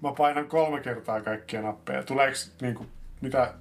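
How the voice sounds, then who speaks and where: A man playing a tabletop role-playing game, methodically asking the game master questions. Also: mid-range voice. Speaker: player.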